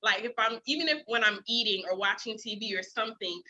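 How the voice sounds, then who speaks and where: A woman's voice: a little high, fast talker, sharp tone, low-quality recording. A woman speaking candidly in a casual panel chat, earnest and repeating herself for emphasis.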